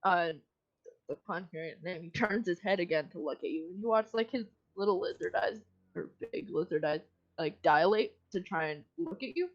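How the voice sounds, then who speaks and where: A woman game master narrating a tabletop game casually, in a halting, hesitant way. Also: lowish voice, lively intonation, muffled recording.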